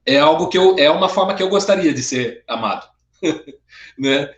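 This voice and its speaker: A man who is a father, speaking gently and reflectively in a casual online church discussion. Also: on the high side, lively intonation, moderate pace, roomy sound, muffled recording. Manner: gentle, reflective, hesitant restarts. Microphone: video call.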